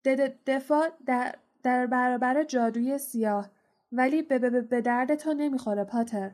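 A woman's voice: high-pitched, darkish tone, natural voice. A woman reading a storybook, voicing a nervous male wizard teacher who stammers on nearly every word. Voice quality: heavy stutter.

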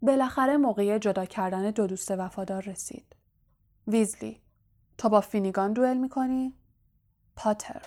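A woman's voice: medium pitch, pauses often, mellow, lightly acted. A woman voicing a cold, sneering male teacher in an audiobook, speaking curtly. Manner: sneering, curt.

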